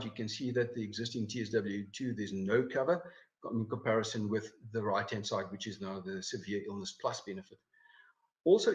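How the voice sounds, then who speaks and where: A man, a financial advisor, giving a live presentation over slides, with many fillers and repeated words. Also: medium pitch. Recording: dull lo-fi recording.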